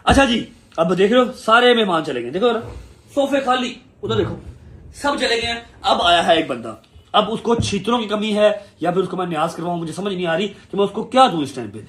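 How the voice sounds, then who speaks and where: A man's voice: sits high, expressive, brisk, a bit bright. A man from Pakistan vlogging casually, joking and talking straight to his viewers. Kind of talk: casual family vlog chat. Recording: echoey rooms with faint noise.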